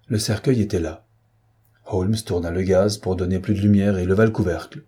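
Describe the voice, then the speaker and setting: Guy narrating an audiobook, low mellow voice, kinda husky, steady and unhurried. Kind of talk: scripted narration.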